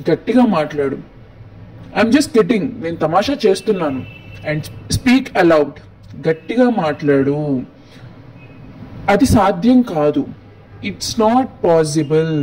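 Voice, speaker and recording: A man with a Telugu accent teaching spoken English, saying each phrase slowly and clearly, then explaining quickly in Telugu. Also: a little high, a little mellow, a little hiss or hum, low-quality recording. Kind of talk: language lesson, slow model phrases with translations.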